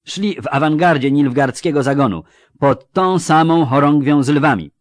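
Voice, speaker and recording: Gruff booming male dwarf commander, a man voicing him, raised and loud, coarse, dry close sound. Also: normal speed, no room sound, natural voice.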